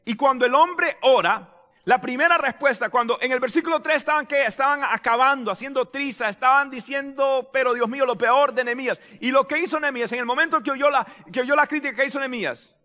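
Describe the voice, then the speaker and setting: A man preaching a sermon as pastor, animated, asking the congregation questions and acting out prayers. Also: extremely high pitch, fairly quick, long reverb tail.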